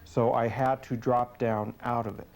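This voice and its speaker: A man speaking as a police sergeant giving a testimonial in an interview, earnest, deliberate and matter-of-fact. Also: medium pitch, little pitch movement, creaky, a little mellow.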